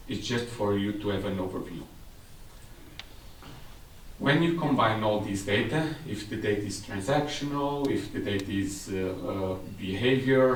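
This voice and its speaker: Recorded from a distance in a reverberant room, with a little background noise, a man in his thirties gives a technical conference presentation to a large seminar audience. He has a lowish voice and a Portuguese accent, and he explains his points using slightly non-native phrasing.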